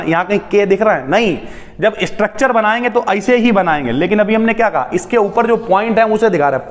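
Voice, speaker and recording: एक आदमी chemistry teacher, जो हल्के-फुल्के मज़ाकिया अंदाज़ में छात्रों को "भाई" कहकर समझाता है।. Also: male voice, high voice. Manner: chatty, jokey, calls students brother. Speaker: chemistry teacher. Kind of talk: casual explaining lecture. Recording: long hall reverb.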